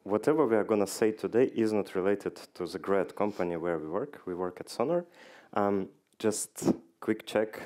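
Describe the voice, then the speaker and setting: A man's voice: lowish voice, lively intonation, normal speed, few pauses, a little mellow. A man giving a conference talk, joking dryly and quizzing the audience. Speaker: conference speaker. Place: conference hall stage.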